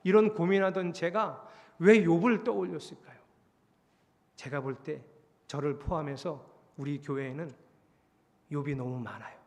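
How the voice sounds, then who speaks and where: A man preaching a sermon as pastor, animated and acting out dialogue in shifting voices. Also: on the high side, moderate pace, pauses often, in a large hall. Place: church sanctuary.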